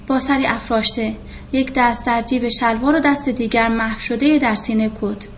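Lady narrating an audiobook, measured and calm, kinda high voice, bit of faint hiss. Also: muffled recording. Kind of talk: audiobook reading of a novel.

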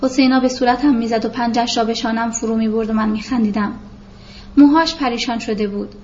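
A woman reads a literary novel aloud, calm and measured in her storytelling. Her voice sits somewhat high. The recording is dull and lo-fi, with a faint hiss behind her. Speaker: narrator. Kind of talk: literary audiobook narration.

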